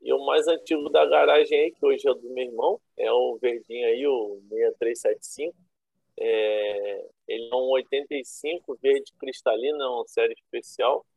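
Gravelly Rio man chatting over thin call. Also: medium pitch, a little mellow. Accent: Rio de Janeiro Brazilian. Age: 30s. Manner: informal and slangy, rambling. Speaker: guest, classic car owner. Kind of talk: casual storytelling chat. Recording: roomy, thin phone-like internet call.

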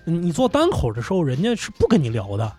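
A man talks casually as a podcast guest, his voice a little husky and breathy. His pitch moves a lot as he gets animated. Faint music plays under the conversation. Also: quick pace. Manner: animated, laughs and swears when excited. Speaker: podcast guest, comedy company founder. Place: indoor studio.

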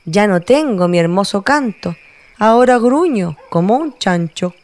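A woman's voice: medium pitch, lively intonation, a little slow, darkish tone, lightly acted. A woman voicing a sparrow that grunts like a pig, in a plain storybook voice. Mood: rueful.

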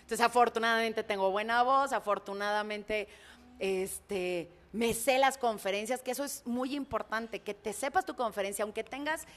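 A woman with a Mexican accent, a public speaker and announcer, telling anecdotes in a lively, colloquial, frank way in conversation. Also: on the high side, normal speed. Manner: expressive, imitates heartbeats and screams. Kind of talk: animated storytelling in conversation.

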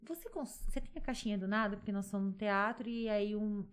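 A woman with a Brazilian Portuguese accent in casual conversation, telling personal stories in a lively way, acting out her own past words and laughing often. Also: medium pitch, brisk.

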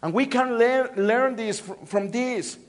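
A man's very high-pitched voice, a little slow, carries a church sermon from a pastor from Mexico City with a Mexican Spanish accent. His call-and-response delivery repeats phrases, alternating loud and soft.

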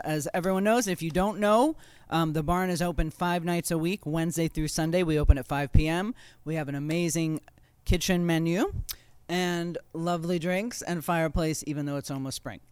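An upbeat woman co-hosts a podcast in loose, joking chat. Her voice is smooth and resonant. The sound is dry, with no room echo. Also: low voice, normal speed, few pauses, a little mellow. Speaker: co-host.

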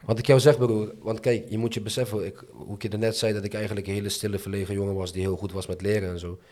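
Deep-voiced young man talking Dutch street slang. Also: level tone, fast, a little mellow. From moved to the Netherlands from abroad as a child. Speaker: interview guest. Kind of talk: casual, candid interview chat.

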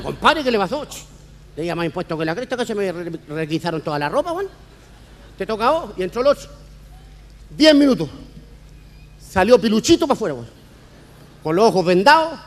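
Chilean comedian telling jokes in a hall. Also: male voice, sits high, a little hiss or hum. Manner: rapid slangy storytelling, acting out each character. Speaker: stand-up comedian. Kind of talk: stand-up joke telling. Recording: echoey hall with faint ambience.

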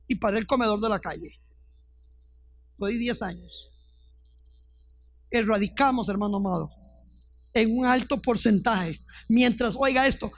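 A high-voiced, middle-aged woman pastor preaches her testimony with fervor. She acts out the people in her stories as she goes. The sound is dry and close. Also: fairly bright tone, no room sound. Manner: fervent storytelling, acts out quoted voices. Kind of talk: testimony sermon.

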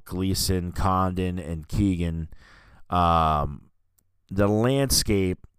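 A man talks through a movie in a loose, rambling monologue, full of fillers and restarts. His voice sits very low and comes across smooth and clean. The recording is dry and close, with no room sound. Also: no room sound. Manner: rambling, lots of fillers and restarts, says dude and you know what I mean. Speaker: podcast host reviewing films. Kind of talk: casual film review monologue.

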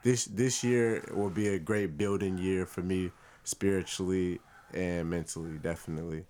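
A man co-hosting a casual podcast, loud joking banter with slang, from the Bay Area. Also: sits low, steady tone, moderate pace. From San Francisco Bay Area. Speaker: podcast co-host. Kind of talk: casual chat.

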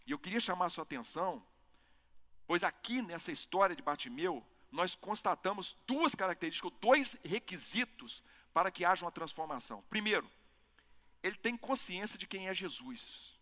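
A male pastor preaches with fervor, his high, bright voice climbing to loud peaks and then dropping low for emphasis. The sound carries a long reverb, as in a church sanctuary. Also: animated, moderate pace. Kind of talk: sermon.

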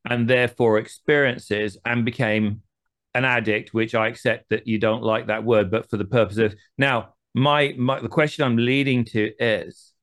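A man hosts a conversational interview at a mid-range pitch. He builds long, winding questions and keeps adding asides before he gets to the point. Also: steady tone, normal speed, fairly bright tone. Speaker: host.

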